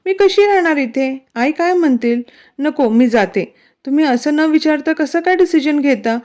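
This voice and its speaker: A woman voicing a shy, easily flustered young wife in a storybook romance, with a slightly high, mellow voice and a pleading, mildly irritated manner. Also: expressive, moderate pace. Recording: dull, lo-fi recording.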